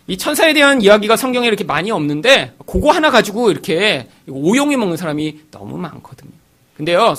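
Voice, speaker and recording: A pastor preaching a sermon, animated and addressing the congregation often, with quiet asides between bursts of emphasis. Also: male voice. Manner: animated preaching, voices the Bible's figures with sudden pitch jumps.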